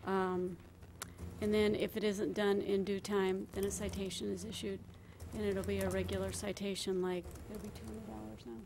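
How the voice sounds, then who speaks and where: A woman's voice: medium pitch, level tone, normal speed, gravelly, background noise. A middle-aged woman from animal control answering a council's questions in a plain, explanatory way, with filler sounds. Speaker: animal control staff member. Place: council chamber, indoors. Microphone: standing microphone at a distance.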